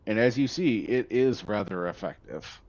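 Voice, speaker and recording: Rambling male streamer, low voice. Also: expressive, normal speed, a little mellow, dull audio. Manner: rambling, easily sidetracked, chatty with a viewer. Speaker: gaming streamer. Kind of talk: casual livestream chat.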